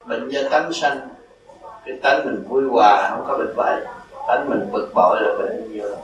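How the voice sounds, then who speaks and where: A man's voice: mid-range voice, moderate pace, roomy sound, recorded from a distance, muffled recording, a crowd in the background. An older man giving a Buddhist dharma talk, answering a follower in a rambling, repetitive, folksy way and chuckling as he teaches.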